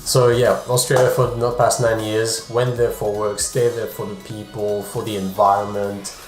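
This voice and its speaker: A man's voice: fairly low pitch, level tone, moderate pace, echoey room, soft background music. A man from France, a travel vlogger and photographer, talking casually to the camera in a chatty way, breaking off for joking asides. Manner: chatty, self-interrupting, jokey asides.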